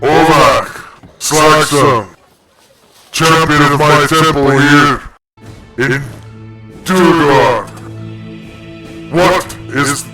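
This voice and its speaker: A man acting as game master voices an ancient male forge god whose magically amplified, booming voice speaks from an anvil, proclaiming in archaic, commanding tones. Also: drawn-out words, long pauses, reverberant, far from the mic, over loud music.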